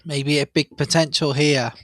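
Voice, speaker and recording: A man hosting a live cricket watchalong, chatty and excitable, jumping up in pitch at big moments. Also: normal speed, dry recording. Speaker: watchalong host.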